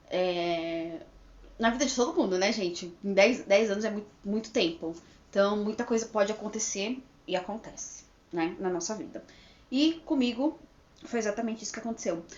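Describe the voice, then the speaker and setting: Woman, 30s, casual vlogger; rambling, chatty delivery, slightly high, echoey room with dull lo-fi sound. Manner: rambling, chatty, frequent "né?" and restarts. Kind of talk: casual chat to camera.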